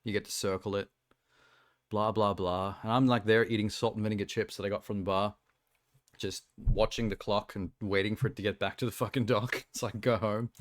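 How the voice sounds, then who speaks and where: A man's voice: lowish voice, flat delivery, a little fast. Blunt sweary Australian guy. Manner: blunt, sweary, laughs easily. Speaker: streamer. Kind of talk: casual reaction commentary.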